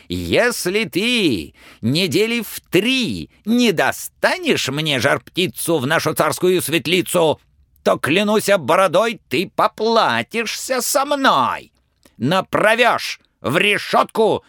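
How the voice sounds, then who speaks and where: A man voicing a blustering, angry old tsar in a storybook reading, shouting threats. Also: on the high side, big pitch swings, takes it slowly, dry recording, clean studio sound, pitched above the performer's own voice, exaggerated voice. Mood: threatening.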